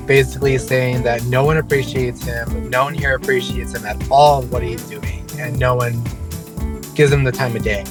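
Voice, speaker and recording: A man in a game confessional, frustrated as he recounts an ally's complaints. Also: medium pitch. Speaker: contestant.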